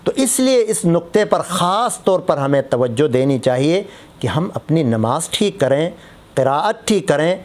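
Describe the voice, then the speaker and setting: A man's voice: on the high side, sing-song. A man, a mufti, giving a religious lesson on prayer recitation, explaining patiently and repeating example words to contrast them.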